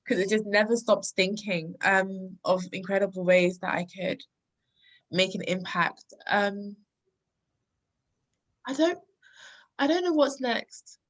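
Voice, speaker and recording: A woman in her thirties from London, a podcast guest speaking earnestly and reflectively, often laughing. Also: mid-range voice. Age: 30s. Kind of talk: casual interview talk.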